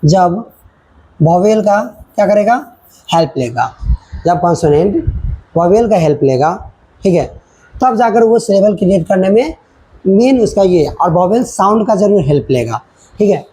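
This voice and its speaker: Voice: mid-range voice, lively intonation, a little slow, pauses often, warm tone, husky, rough recording. A teacher giving a children's grammar lesson, repeating points and checking in often while mixing in English words.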